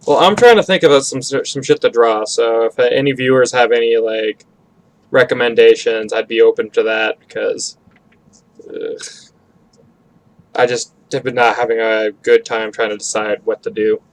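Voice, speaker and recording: A man's voice: medium pitch, steady tone, measured pace, long pauses. A man chatting casually on a stream while drawing, rambling and swearing freely. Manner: rambling, profane.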